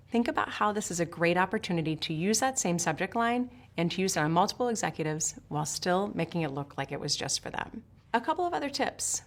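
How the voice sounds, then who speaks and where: A woman from Switzerland narrating a sales course in an upbeat, emphatic coaching manner, speaking straight to the viewer. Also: fairly low pitch. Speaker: sales instructor.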